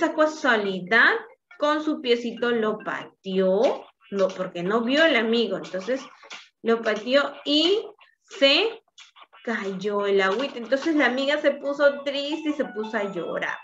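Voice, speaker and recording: A woman teaching young children in a slow, patient lesson. She coaxes them along, checking in after nearly every phrase. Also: a little high, lively intonation, fairly bright tone, a little hiss or hum. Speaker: preschool teacher. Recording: dull lo-fi recording with faint music.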